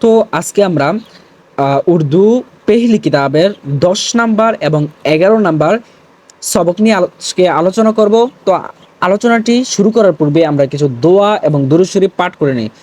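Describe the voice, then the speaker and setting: A man's voice: sits high, animated, fairly quick, a little mellow. A man teaching an Urdu lesson, patiently spelling out letter sounds one by one. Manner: opens with Arabic blessings and greetings. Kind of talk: spoken Urdu lesson for Bengali speakers.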